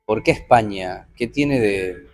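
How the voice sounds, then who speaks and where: A man's voice: lowish voice, slow pace, no echo, soft background music. An Argentine man interviewing a guest, asking short, prompting questions. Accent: Argentine Spanish. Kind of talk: news interview.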